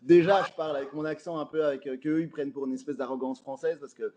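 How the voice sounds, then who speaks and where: Telling humorous tales in a casual podcast conversation, a Belgian French-accented guest comedian laughs a lot and fills his speech with fillers. He's a fast talker with a warm, high-ish voice and fairly even intonation.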